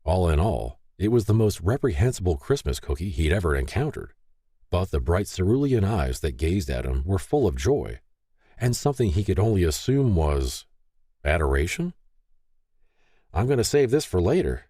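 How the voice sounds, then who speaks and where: Narrator: low, lively male reader, dry close studio sound. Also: moderate pace, husky, no echo. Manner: expressive storytelling. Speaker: audiobook narrator. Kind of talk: scripted narration.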